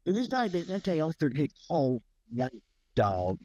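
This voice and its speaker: A man ranting fast in casual, profane talk, his voice muffled and hollow as if speaking from inside a tunnel or a can over a remote call mic. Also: a little high, huge pitch swings, warm tone. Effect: muffled hollow mic, like talking in a tunnel or a can. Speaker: podcast co-host.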